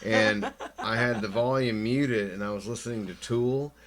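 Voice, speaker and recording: A man hosting a podcast, telling wild stories in an animated, profane way. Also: fairly low pitch, moderate pace, heavy background noise. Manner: animated, swearing storyteller. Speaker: podcast host. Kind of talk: casual chat.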